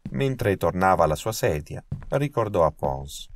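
Deep-voiced Italian male storyteller. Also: big pitch swings, a little slow, slight background noise. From Italy. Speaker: narrator. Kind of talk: scripted storytelling narration.

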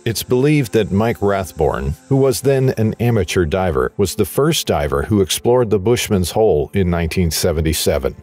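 A man reading a scripted documentary voice-over in an even, measured way. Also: sits low, soft background music. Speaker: documentary narrator.

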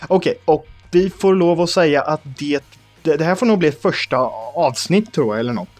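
A young Swedish man hosting a let's play, joking about himself and yelling in panic at enemies. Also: a little high, animated, faint music behind. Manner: jumpy, self-mocking, shouts in panic at enemies. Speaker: gaming channel host.

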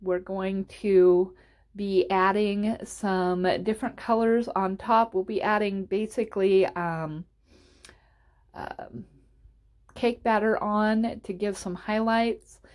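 Woman, tutorial host, mid-pitched voice, casual step-by-step voice-over with an encouraging manner. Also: steady tone, slow.

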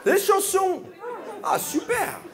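A man's voice: very high voice, huge pitch swings, takes it slowly. A man doing stand-up comedy, quizzing the audience with playful, incredulous questions. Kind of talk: crowd-work stand-up comedy. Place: comedy venue with a live audience. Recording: live audience and room noise.

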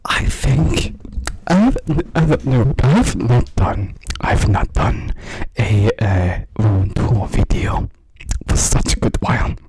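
A young man running his own channel does a joking ASMR parody in his small bedroom, laughing often and swearing into a handheld condenser mic held close while wearing headphones. His mid-range voice is very animated but slow, with background noise in the audio.

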